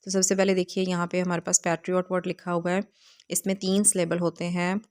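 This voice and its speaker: Flat-voiced woman teaching English slowly. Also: on the low side. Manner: slow, careful reading of English lines, explained in Urdu; hesitant fillers while explaining. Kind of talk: video lesson explaining a textbook.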